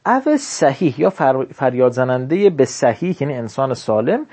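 A man's voice: mid-range voice, big pitch swings, a little mellow. Man lecturing on a legal text. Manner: reads Arabic text then explains it in colloquial Persian, asks himself questions. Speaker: teacher of Islamic jurisprudence. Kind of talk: classroom lecture reading and explaining a text.

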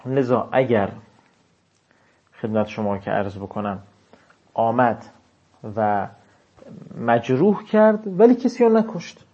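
Man, seminary law teacher, dark husky voice, reads text slowly then explains casually, dull lo-fi recording. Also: mid-range voice, lively intonation. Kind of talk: seminary lecture.

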